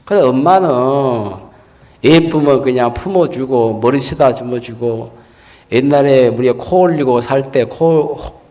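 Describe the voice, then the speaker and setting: Man, 60s, pastor; folksy, animated sermon delivery, higher voice, long hall reverb. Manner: folksy storytelling with rhetorical questions.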